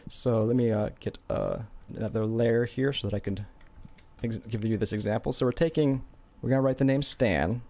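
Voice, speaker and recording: A man's voice: mid-range voice, lively intonation, normal speed, a little mellow. A man explaining a language lesson over a shared screen, talking off the cuff with many fillers and restarts. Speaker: language teacher.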